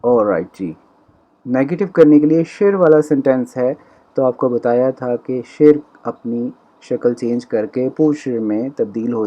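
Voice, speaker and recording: A male teacher talks through a recorded language lesson, breaking each point into small steps and saying the examples again slowly. His voice is dark and mellow. The sound is a little dull and lo-fi. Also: mid-range voice. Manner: explains step by step, repeating example sentences slowly.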